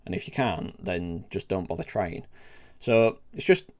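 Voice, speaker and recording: A man's voice: sits low, big pitch swings, a little slow. A middle-aged man with an old Yorkshire accent, speaking bluntly and plainly as he hosts an informal educational video, often checking in with short tag questions. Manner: blunt, plain-spoken, often tags sentences with "right?" and "okay?". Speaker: host of a trading tips video series. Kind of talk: informal educational monologue to camera.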